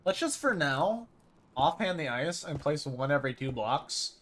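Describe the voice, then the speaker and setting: Streamer chatting through a live game, lively up-and-down voice, just thinking out loud. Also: medium pitch, moderate pace. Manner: rambling, thinks aloud while playing. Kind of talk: casual live gameplay chat.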